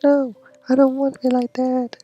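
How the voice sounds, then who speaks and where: A man voicing an excited young boy as he reads a game's dialogue aloud, eager and high. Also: normal speed, muffled recording, faint music behind.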